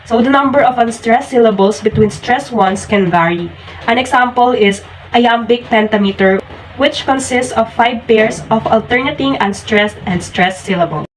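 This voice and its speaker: A woman's voice: fairly high pitch, normal speed. A woman student teacher explaining poetry terms step by step in a recorded teaching demonstration, opening many sentences with "so". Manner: explains in steady steps, starting many sentences with "so". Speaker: student teacher presenting a lesson. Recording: distant mic with faint room noise.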